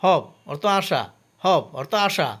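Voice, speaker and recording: A slightly high, somewhat bright, husky male voice belongs to a Bangladeshi English teacher. He says every vocabulary word and its meaning twice in a slow, careful drill, breaking off to comment on pronunciation.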